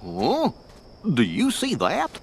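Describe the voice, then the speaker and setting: An actor voicing a good-natured, dopey cartoon dog with a slow goofy drawl. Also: male voice, fairly high pitch, huge pitch swings, a little hiss or hum, exaggerated voice. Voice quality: dopey drawl, hyuck-ish.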